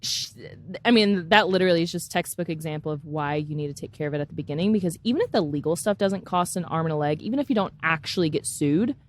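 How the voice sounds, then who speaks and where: A woman guest on a business podcast, telling a story in a lively way and acting out the lines of the people in it. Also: low-pitched, quick pace, slight background noise. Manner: animated storyteller, acts out quoted dialogue.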